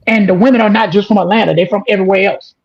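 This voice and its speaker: High-voiced man, emphatic, on a dull line. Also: steady tone, very fast. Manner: emphatic, keeps calling the listener bro. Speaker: guest. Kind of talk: casual chat. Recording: dull lo-fi sound.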